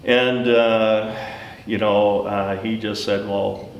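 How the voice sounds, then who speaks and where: A middle-aged man giving a personal account in informal talk, speaking haltingly and pausing often mid-sentence. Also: flat delivery, creaky, muffled recording. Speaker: school superintendent, former teacher. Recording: roomy, distant mic, faint rumbling noise.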